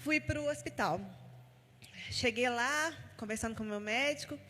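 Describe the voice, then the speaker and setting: A woman's voice: a little high, moderate pace, fairly bright tone. A woman giving a personal testimony at a church service, telling her story with heartfelt feeling and often recounting what was said to her. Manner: heartfelt storytelling, retelling conversations. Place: church hall. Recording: long reverb of a large church hall.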